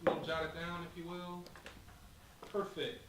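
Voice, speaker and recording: A man's voice: a little high, monotone, moderate pace. A man running a tabletop game as game master, upbeat and laughing, repeating the players' answers back to them. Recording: echoey room, distant mic, noisy.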